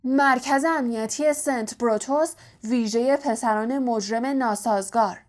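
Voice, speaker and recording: A woman voicing a bullying middle-aged uncle who talks gruffly, shouts and scorns. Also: medium pitch, natural voice. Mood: angry.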